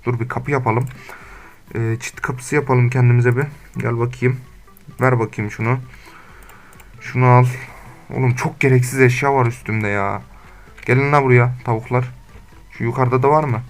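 A man's voice: medium pitch, steady tone, normal speed, pauses often. Chatty young man narrating his gameplay. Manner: chatty, scolding the animals, slangy. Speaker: gaming YouTuber. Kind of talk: casual Minecraft let's play commentary. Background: faint game music and keyboard typing.

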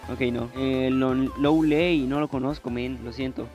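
A man's voice: mid-range voice, steady tone, takes it slowly, darkish tone, muffled recording, soft background music. A teenage boy from northern Mexico with a northern Mexican accent, rambling through casual gaming commentary in slang, with plenty of swearing, fillers and apologies. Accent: northern Mexican Spanish. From Nuevo León, Mexico. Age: teens. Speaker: YouTuber.

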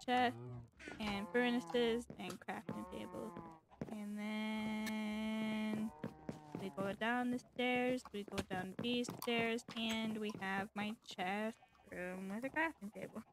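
A woman hosting a casual game tour, talking in a relaxed, chatty way with lots of ums, and her S sounds come out like a lisp. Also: medium pitch, slow, noisy background. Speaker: channel host giving a game tour. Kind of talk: casual gaming chat.

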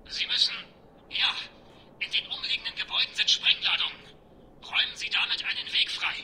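An actor playing a quarian marine commander cut off by the enemy, reporting in terse, half-whispered military talk over a crackling sci-fi radio link. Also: male voice, extremely high pitch, brisk. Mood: urgent. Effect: crackly sci-fi radio transmission. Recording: very noisy, hissing radio comm.

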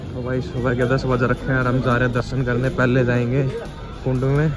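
A man's voice: medium pitch, monotone, fairly quick. A young man walking and casually showing viewers around a hotel and crowded temple streets for a travel vlog, speaking into a handheld phone. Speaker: travel vlogger. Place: busy outdoor temple town streets and a hotel. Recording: loud crowd and music behind. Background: crowd noise and devotional music.

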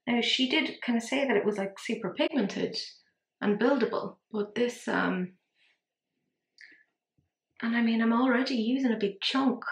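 A woman's voice: fairly high pitch, fairly bright tone. Chatty Irish woman in an echoey room. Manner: chatty, talks herself through trouble, many fillers. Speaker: beauty vlogger. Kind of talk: casual makeup review.

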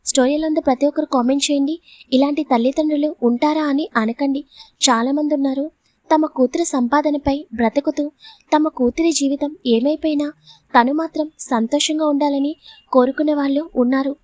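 High-voiced woman narrating a serial story. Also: steady tone, fairly quick, darkish tone, no room sound. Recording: dull lo-fi audio.

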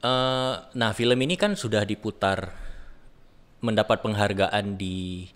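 Male host, low voice, polite and hesitant questioner. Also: slow, fairly bright tone. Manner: polite, hesitant, frequent "eh" and "hmm" backchannels. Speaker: interviewer, host. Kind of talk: interview questions.

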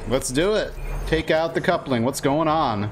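A man's voice: a little high, normal speed, soft background music. A man doing casual live gameplay commentary, rambling informally and reacting aloud as he streams. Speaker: game streamer. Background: game ambience.

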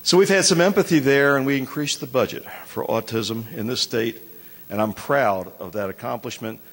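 An older man speaks into a handheld microphone in a big indoor hall, and his voice trails off in a long, booming reverb. He talks in a folksy, emphatic way, leaning on "uh" as he finds his words. His pitch sits in an ordinary middle range for a man. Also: moderate pace. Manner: folksy, emphatic, with many "uh" fillers. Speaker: state legislator candidate. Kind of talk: debate closing statement. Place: large indoor community hall. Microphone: handheld mic.

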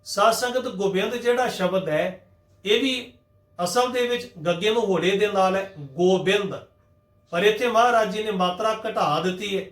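A man's voice: high-pitched, moderate pace, roomy sound. A man giving a patient, methodical religious lesson on how to pronounce scripture, addressing his listeners directly. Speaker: Gurbani pronunciation teacher.

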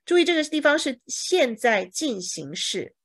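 A woman's voice: sits high, big pitch swings, unhurried. A woman teaching a bible English lesson in Mandarin, explaining each word and checking with her students. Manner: acts out examples dramatically.

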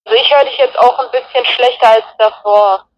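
A woman's voice: fairly high pitch, fairly even intonation, fairly quick, dry recording, highs cut off. A woman answering radio checks in short, plain replies, heard through a handheld two-way radio. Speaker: radio test partner. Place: on a balcony, then indoors.

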